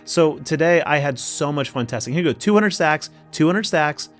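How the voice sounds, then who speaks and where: A man's voice: fairly high pitch, lively intonation, normal speed. A man with an Oklahoma accent giving casual strategy commentary as host of a gaming video, talking to himself in a folksy way. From Oklahoma, United States. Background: music.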